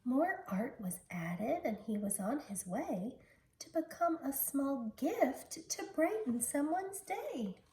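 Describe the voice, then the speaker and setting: Female storybook reader: unhurried teacherly delivery, soft-toned, recorded at a distance in a roomy space. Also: high voice, very animated. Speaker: teacher reading a picture book aloud. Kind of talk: slow, expressive children's story read-aloud. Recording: roomy, distant mic with background noise.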